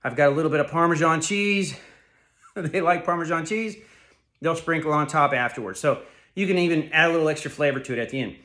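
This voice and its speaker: A man's voice: on the high side, fairly quick. A breathless dad in his kitchen. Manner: relaxed, repetitive, rambling with fillers and self-corrections. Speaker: fitness vlogger. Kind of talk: casual home cooking vlog. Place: home kitchen.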